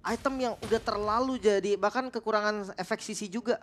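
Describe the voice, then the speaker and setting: A man's voice: high voice, steady tone, fairly quick, fairly bright tone, slight background noise. A man giving casual analytical co-commentary on a match, repeating words for emphasis. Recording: game music behind.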